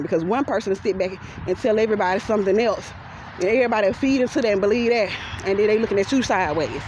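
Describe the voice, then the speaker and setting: Woman, Southern US accent, walking vlog, outdoors by a pond, phone camera, animated, laughs often, faint outdoor noise. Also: mid-range voice, muffled recording. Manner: animated, laughs often, talks straight to viewers. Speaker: vlogger. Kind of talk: walking vlog venting to followers.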